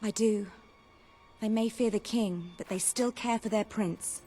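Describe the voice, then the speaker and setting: An actress as a gentle, worried noblewoman. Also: mid-range voice, measured pace, close to an everyday voice. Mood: anxious. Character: caring, worried young noblewoman, confidante to a prince. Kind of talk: video game voice acting. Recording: clear background music.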